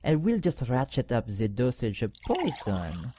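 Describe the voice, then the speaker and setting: An actor playing a power-hungry cardinal who talks to the pope in a condescending, mock-polite way in an audio drama. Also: male voice, mid-range voice, wildly swooping pitch, a little slow, mellow, husky, no echo, exaggerated voice. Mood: sneering.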